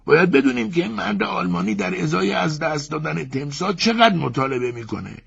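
A composed, pompous man calls out from inside a crocodile's belly, as a male storyteller voices him. His voice sits far above a man's usual pitch and sounds muffled and distant, as if from inside the animal. He lectures steadily, unbothered by his strange prison, in a lo-fi, dull recording. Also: expressive, vocal fry, fairly bright tone, husky, heavily acted.

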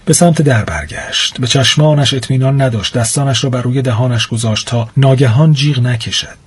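A man's voice: medium pitch, breathy edge. Man narrating a tender story. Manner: calm, emotive reading. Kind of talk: scripted narration. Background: faint music.

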